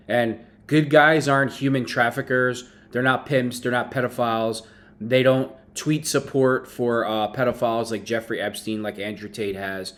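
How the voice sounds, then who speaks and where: A man with an average-pitched voice reacts off the cuff. He sounds scornful and mocking, and he stresses his points emphatically. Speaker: commentator reacting to a video. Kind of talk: unscripted reaction commentary.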